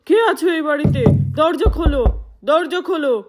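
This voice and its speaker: A shrieking female demon hammers out her threats in a high, piercing voice, cackling between the shouts, as a woman puts her on. It is a homemade doll cartoon, and the loud demon is all menace. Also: moderate pace, over music, lightly acted. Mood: menacing. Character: shrieking female demon banging on a door at night. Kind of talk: doll-play storytelling.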